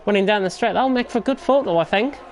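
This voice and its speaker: A woman with a medium-pitched voice talks fast as she gives live commentary on an online league motorsport race, calling the action as it happens. Background noise is clearly audible.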